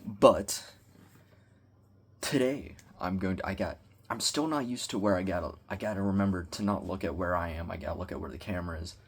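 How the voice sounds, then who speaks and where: A young man talks low and a little husky as he vlogs from his bedroom. He rambles awkwardly in casual slang and keeps poking fun at himself as he goes. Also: brisk. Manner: awkward, self-deprecating, slangy. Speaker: YouTuber reviewing a toy. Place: bedroom with bookshelves.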